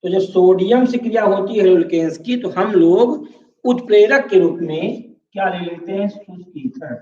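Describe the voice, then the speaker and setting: A man's voice: high voice, moderate pace, darkish tone. A male chemistry teacher giving a classroom lecture, explaining step by step, asking questions and answering them himself, and often checking that the class follows. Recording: echoey room, distant mic, dull lo-fi sound.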